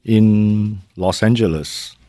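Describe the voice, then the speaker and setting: A man from Malaysia with a very low, deep voice speaks in a measured, conversational way. He often pauses to find his words and tags his sentences with "right?". The recording is dry and close, with little room sound. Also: mellow, dry recording. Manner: measured, uses fillers like "how you say" and "right?". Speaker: guest, maritime safety executive. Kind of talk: conversational interview.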